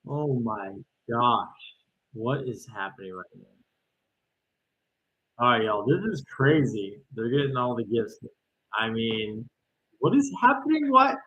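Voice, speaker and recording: A man, casually reacting live to a game and chatting with viewers, bursting into loud exclamations. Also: on the low side, takes it slowly, long pauses. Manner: excitable, exclaims loudly at plays then chats calmly with viewers. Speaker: livestream host reacting to an ultimate frisbee game. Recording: dull lo-fi stream audio.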